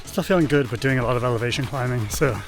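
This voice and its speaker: A man's voice: medium pitch, quick pace. A man chatting casually and informally as he vlogs a run, thinking aloud in an upbeat way. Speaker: vlogger, trail ultra runner. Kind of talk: casual vlog chat. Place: mostly outdoors. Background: music.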